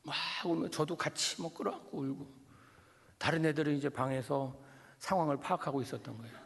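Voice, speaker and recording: Gravelly middle-aged preacher in a reverberant church. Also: male voice, a little high, brisk. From Korea. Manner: animated storyteller, swings from loud to hushed. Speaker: guest pastor. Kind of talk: revival sermon with storytelling. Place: church sanctuary. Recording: long church hall reverb.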